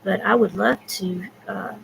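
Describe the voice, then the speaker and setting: A woman in her sixties with a Southern US accent talks casually on her live stream, rambling from topic to topic and thanking viewers by name. Her voice has a heavy gravelly fry, and a faint hiss runs under it. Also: mid-range voice, steady tone, a little slow, rough recording. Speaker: YouTube creator.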